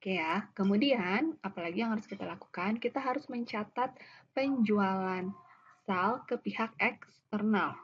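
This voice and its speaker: In a dull, lo-fi recording with clear background noise, a woman lecturer with an Indonesian accent explains accounting through worked examples, one step at a time. Her didactic style involves asking questions and answering them herself, and she speaks a little slowly at a medium pitch.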